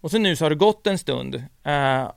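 A man tells a story in a relaxed conversational way, acting out what each person said. His voice is smooth and resonant, and the sound is dry and close with no room echo. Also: fairly high pitch. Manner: storytelling with lots of fillers and quoted dialogue. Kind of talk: casual chat.

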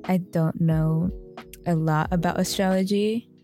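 A woman's voice: fairly low pitch, steady tone, unhurried, mellow, soft background music. A young woman as a podcast guest, laid-back and a bit hesitant in casual chat.

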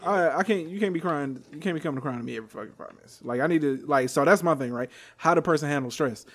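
A man's voice: fairly high pitch, rapid-fire. A man co-hosting a casual podcast, talking in a blunt, slangy way with plenty of swearing and banter. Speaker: podcast co-host and manager.

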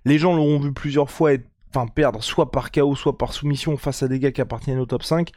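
A man co-hosting a casual sports podcast, talking in an animated, colloquial way and thinking aloud. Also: medium pitch, fairly quick, no echo, clean studio sound. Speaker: podcast co-host. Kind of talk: casual chat about MMA.

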